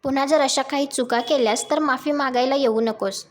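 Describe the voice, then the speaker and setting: A woman reading out the lines of a firm but forgiving mother figure who gives one last warning, in her high voice. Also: fairly quick, close to an everyday voice. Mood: stern.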